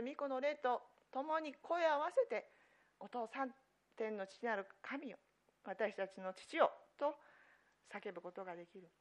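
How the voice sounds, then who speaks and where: A woman pastor preaching a sermon earnestly, stressing key phrases loudly and letting her phrase endings fall soft and quiet. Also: mid-range voice. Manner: earnest, emphatic preaching with sudden loud stresses.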